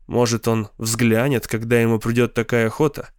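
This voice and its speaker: A man narrating a novel in a measured, unhurried way on a close studio mic. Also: mid-range voice, level tone, smooth, no echo. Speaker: audiobook narrator. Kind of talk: scripted narration.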